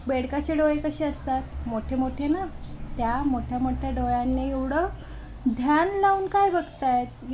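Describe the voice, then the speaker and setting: A woman teaches a children's poem, speaking slowly and patiently. Her voice sits high. Now and then she puts questions to her students. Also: mellow, slight background noise, poor audio. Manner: slow patient explaining, asks students questions. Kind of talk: explaining a school poem.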